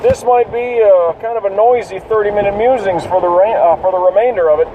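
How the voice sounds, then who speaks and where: A little fast and high-pitched, a man hosts a casual solo podcast while driving through heavy rain, swearing as he rants at other drivers. The mic sits far away, and the narrow, tinny recording is full of rain and road noise.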